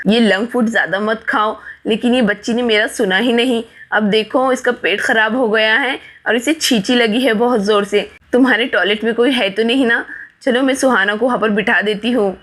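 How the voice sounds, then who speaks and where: A fretful young mother from a village doll story, voiced by a woman, hurrying with worry over her little girl. Her voice sits a little high and rushes along. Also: a bit bright. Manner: fretful, hurried.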